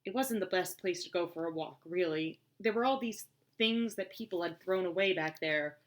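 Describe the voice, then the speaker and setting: A woman's voice: fairly low pitch, normal speed, natural voice. A woman voicing a determined, earnest young girl. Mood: reflective. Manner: earnest, trying to sound grown-up.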